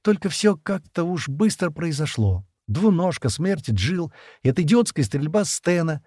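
A man's voice: on the high side, big pitch swings, measured pace, darkish tone, no room sound, studio quality, voice pushed up. A man voicing a frightened young woman crew member who speaks in a trembling, pleading way. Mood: weary.

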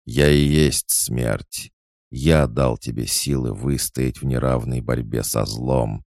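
A man voicing a growling, menacing ancient male god of death who speaks slowly and commandingly. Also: rumbling low, steady tone, a little mellow, no room sound, clean studio sound, full character voice. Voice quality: growling, rasping laugh.

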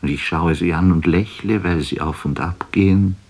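For a literary radio drama, a man voices a lonely, melancholy poet at normal speed, his low voice husky and a little mellow. He sounds brooding and wistful, speaking in a solemn, introspective, theatrical manner.

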